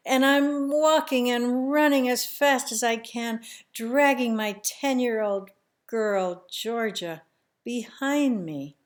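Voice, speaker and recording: A woman telling a family story in the first person, slow and emotional, sometimes dropping to a hushed near-whisper. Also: on the high side.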